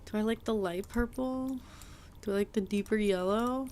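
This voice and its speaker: A woman's voice: mid-range voice, moderate pace, a little hiss or hum. A woman live-streaming a game, chatting casually and playfully, teasing her viewers and poking fun at herself. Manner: animated, with frequent filler "like" and mild swearing.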